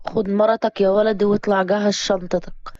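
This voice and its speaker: A woman voicing a gentle, doting old grandfather. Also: medium pitch, little pitch movement, brisk, no room sound, lightly acted. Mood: tender. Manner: gentle, coaxing. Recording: dull, dry recording.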